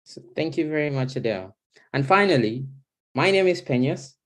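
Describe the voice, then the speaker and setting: A young man from Zambia moderating an online panel over a video call from a small kitchen, speaking in a measured, formal way. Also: on the high side, expressive. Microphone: laptop webcam video call.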